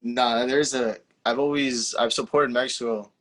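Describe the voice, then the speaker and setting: A teenage footballer whose first language is Spanish answers questions in a casual interview. He sounds relaxed but halting, with many fillers and restarts, in a medium-pitched voice.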